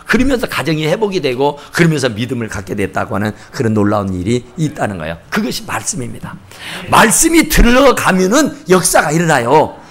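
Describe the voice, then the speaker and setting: A male pastor delivers a sermon in a church, telling a story with animated swings of pitch. His voice sits high for a man and has a husky edge. He acts out the people in his stories as he goes. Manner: animated storytelling, acting out quotes. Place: church sanctuary.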